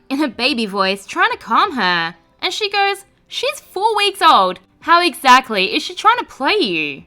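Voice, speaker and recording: A high, bright woman's voice swinging widely up and down as she reads online stories aloud. She gives each post's comments a sarcastic, expressive edge, with faint music playing underneath. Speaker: narrator. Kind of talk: reading reddit stories aloud.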